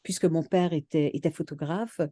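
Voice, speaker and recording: Warm, mellow woman in her seventies. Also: deep voice, steady tone, moderate pace, dry recording, studio quality. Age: 70s. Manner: reflective, many hesitations. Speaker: interviewee. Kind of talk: casual storytelling.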